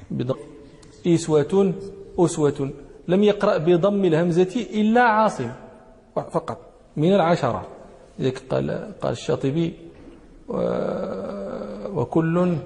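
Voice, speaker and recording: Here the sheikh's voice is on the high side, gravelly yet mellow. He works through a hadith text in class, going back over key phrases and checking his listeners follow, with the sound echoing as in a large hall.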